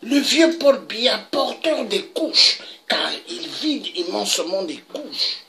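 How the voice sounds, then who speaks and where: A woman's voice: animated, takes it slowly, a crowd in the background. A woman delivering an impassioned political monologue, emphatic and indignant. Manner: emphatic, indignant, with dramatic pitch leaps. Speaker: political commentator.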